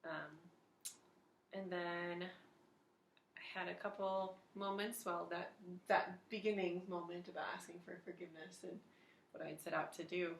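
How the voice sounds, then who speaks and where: A woman's voice: on the low side, little pitch movement, unhurried, gravelly, echoey room, a little hiss or hum. A woman sharing her evening prayer reflection in a casual, hesitant way at home, with many fillers and restarts. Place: home at night.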